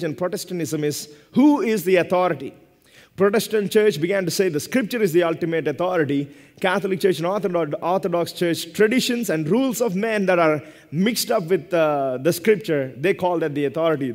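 With a high, slightly mellow voice, a man in his thirties preaches at a lectern on an indoor church stage. His sermon is emphatic and built from short phrases repeated for stress, and the hall's long reverb hangs on every word.

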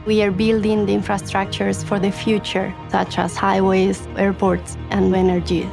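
Woman with a gravelly, flat voice over music. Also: medium pitch, moderate pace. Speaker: company executive interviewed in promo. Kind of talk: corporate promo interview. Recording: promo video with music bed.

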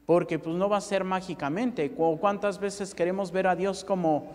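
Mexican priest, high voice, preaching in a church with a long echo; asks the crowd question after question. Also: male voice, fairly even intonation, moderate pace, darkish tone. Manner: rhetorical questions, acts out parishioners' pleas. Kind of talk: sermon.

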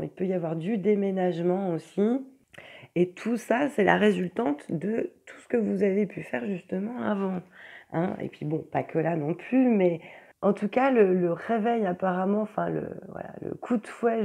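A woman's voice: lowish voice, creaky, mellow. A woman giving a chatty tarot reading to her viewers, full of fillers and asides. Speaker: tarot reader. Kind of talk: casual tarot reading to camera.

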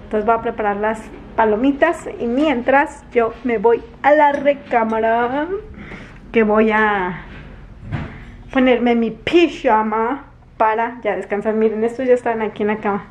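A woman's voice: on the high side, steady tone, measured pace, highs cut off, a little hiss or hum. A woman from Mexico chatting casually in a family vlog at home, mixing Spanish with English words. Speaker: vlogger. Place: home at night.

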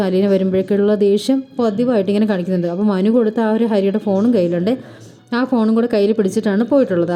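A woman recapping a TV serial episode in a rapid, run-on spoken retelling with fillers. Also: medium pitch, dark tone.

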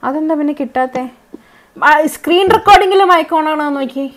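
A woman's voice: high-pitched, brisk. A young woman, chatting and teasing as she streams a game for her viewers. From Kerala. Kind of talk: live gameplay stream chat.

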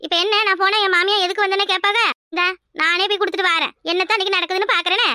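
A woman voicing a loud, outspoken village daughter-in-law in a cartoon, speaking bluntly with a southern Tamil Nadu village accent. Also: very high-pitched, fairly even intonation, racing, no echo, clean studio sound, exaggerated voice. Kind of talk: cartoon voice acting.

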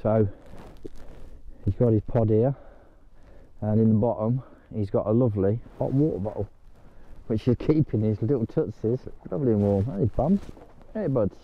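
This older man's voice sits fairly low and moves at normal speed, though the audio is narrow and tinny. He's a vlogger kayaking on a canal, casually chatting to camera and sometimes talking to his dog.

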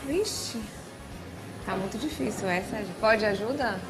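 Uma mulher brasileira participando de um programa de auditório, nervosa, pensando em voz alta rápido nas respostas. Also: female voice, medium pitch, over music. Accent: Brazilian Portuguese. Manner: nervous, thinks aloud quickly. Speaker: game show contestant. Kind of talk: live TV game show answers. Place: TV studio.

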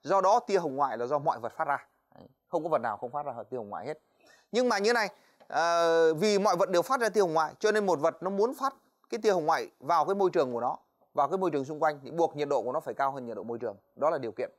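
A man teaching physics in a televised exam-review lesson, talking to students in a chatty way with many fillers and quick checks for understanding. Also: a little high, lively intonation. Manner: quick, chatty, stops often on "đấy" and "ờ"; addresses students directly, asks "right?".

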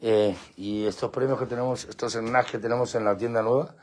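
Man, live streaming outdoors at night, handheld phone, playful, coaxing, high excited calls to dogs. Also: a little fast. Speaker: dog owner hosting a live stream. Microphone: phone held in hand.

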